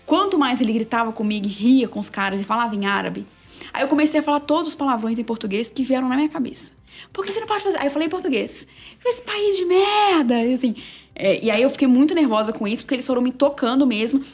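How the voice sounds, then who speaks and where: A woman sports journalist and narrator, a guest telling a story with quick, emphatic energy in a casual interview. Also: a little high.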